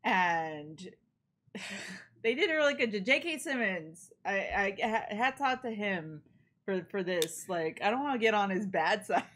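A woman co-hosting a movie reaction, chatting casually with quick agreements. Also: mid-range voice, expressive, a bit bright. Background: faint movie soundtrack.

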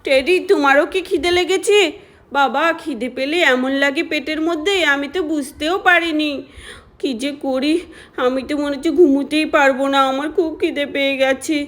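A pouty, whiny little girl who stubbornly misses her dad, put on by a woman. Her voice sits high, pitched above a grown woman's speech. This is a homemade doll-play cartoon story. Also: normal speed, a bit bright. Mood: hungry.

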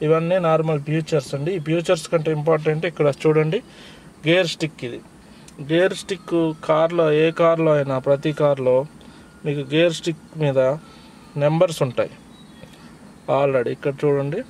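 A man's voice: fairly high pitch, fairly even intonation, normal speed, darkish tone, a little hiss or hum. Telugu-accented man explaining step by step. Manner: patient, plain step-by-step explaining. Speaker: driving instructor. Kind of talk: casual how-to explanation. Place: inside a parked car.

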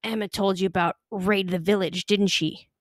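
A woman reading aloud as a blunt, sly boy who speaks slowly and teases. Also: on the high side, fairly bright tone, no echo, studio quality. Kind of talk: audiobook character reading.

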